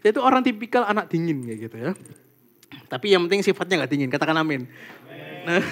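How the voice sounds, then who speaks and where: A man's voice: on the high side, fast talker. A young man giving a casual, chatty sermon to a small church group, tossing in friendly asides to his listeners. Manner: chatty, animated, peppers talk with "guys" and "kayak gitu".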